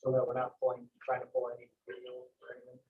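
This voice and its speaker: A man's voice: medium pitch, completely flat delivery, racing, narrow, tinny audio, crowd noise. A man speaking casually while coordinating a technical call setup, recorded in a roomy, echoing space. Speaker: crew member setting up a video call. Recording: roomy, echoing indoor sound.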